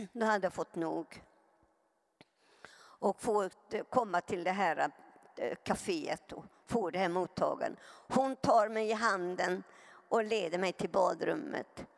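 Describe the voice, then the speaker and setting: A woman's voice: fairly low pitch, creaky, long pauses. A woman giving an earnest personal testimony to a live audience, often turning to them with direct questions. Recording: long hall reverb.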